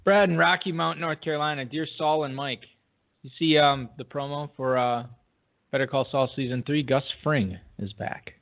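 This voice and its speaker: A man's voice: on the high side, fairly even intonation, normal speed, vocal fry. Man, podcast co-host, casual banter, reads emails, tinny phone-like sound. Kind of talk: casual chat.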